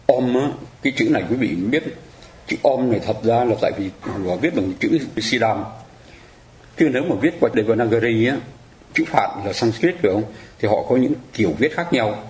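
A man's voice: on the low side, a little mellow, reverberant, rough recording. A man teaching a Buddhist class, explaining patiently and addressing his listeners politely. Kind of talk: dharma class lecture.

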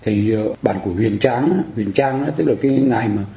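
Gravelly-voiced man giving a dharma lecture. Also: mid-range voice, fairly quick, warm tone, reverberant. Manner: explanatory, repeats phrases, asks the audience for agreement. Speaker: Buddhist teacher.

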